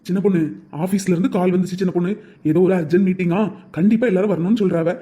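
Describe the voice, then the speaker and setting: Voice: mid-range voice, steady tone, very fast, warm tone, lightly acted. A performer voicing a patient young married son in a cartoon, reasoning and pleading in a Tirunelveli Tamil accent. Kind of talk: cartoon voice acting.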